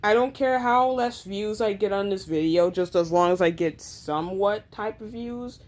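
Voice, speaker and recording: In a darkish, mid-range voice at normal speed, a woman casually explains the history of characters she invented. She rambles, uses many filler words and keeps stuttering and beginning again.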